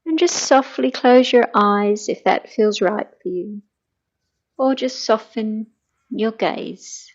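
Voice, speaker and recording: A middle-aged woman guides a meditation gently and soothingly, her hushed voice turning breathy at times. Her pitch is on the high side, she speaks slowly, and the sound is lo-fi.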